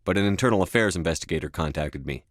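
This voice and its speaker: A man playing a composed, tough, businesslike space navy commander in a video game, with measured, clipped delivery. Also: low voice, expressive, no echo, studio quality. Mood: calm, guarded. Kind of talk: scripted video game dialogue.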